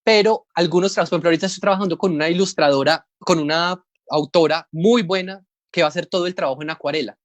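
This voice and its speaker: Relaxed Colombian man explaining comics editing. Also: a little high, fast talker, hardly any pauses, no echo. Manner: relaxed, rambling, explains step by step. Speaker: comics editor. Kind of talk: casual panel talk.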